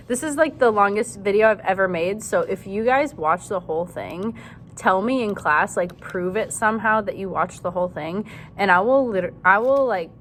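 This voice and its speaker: A woman's voice: mid-range voice, slight background noise. A woman teaching a song to her students, chatting casually and correcting herself as she goes. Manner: chatty, self-correcting, demonstrates by singing syllables. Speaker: music teacher. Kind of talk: casual singing lesson for students.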